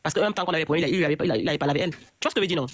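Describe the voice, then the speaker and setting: A woman's voice: low voice, racing, no echo, studio quality. A woman telling a personal story in casual chat, rambling and restarting her sentences often. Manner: rambling, many restarts and repeats. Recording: noisy online audio.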